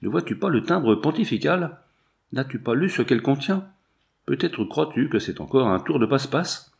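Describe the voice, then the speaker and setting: A man reading aloud, voicing a grief-stricken elderly general who laments in a lower, shaken voice. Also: animated, normal speed, gravelly. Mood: anguished.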